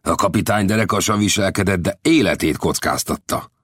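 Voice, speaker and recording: For an audiobook, a man voices a cautious, widowed, middle-aged blacksmith who sounds earnest and warning. His voice sits low and a bit bright, pitched above his own natural voice, in clean studio sound with no echo.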